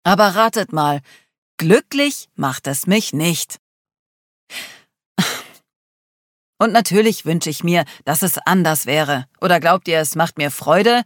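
A man's voice: high-pitched, moderate pace, a bit bright, dry recording, studio quality. A reader voicing a sarcastic young man who pours out his despair in an audiobook. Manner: raw, increasingly despairing outburst. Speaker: character in an audiobook. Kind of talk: audiobook reading.

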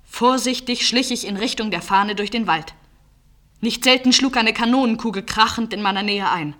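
Woman narrator, scripted first-person storytelling, measured, slightly higher voice. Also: bright, forceful tone.

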